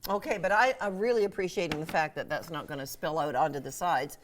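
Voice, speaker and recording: A woman cooking expert chatting on a TV cooking segment, her voice pitched a little low. She is enthusiastic, talkative and quick to laugh. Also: a little hiss or hum. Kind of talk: studio cooking segment chat.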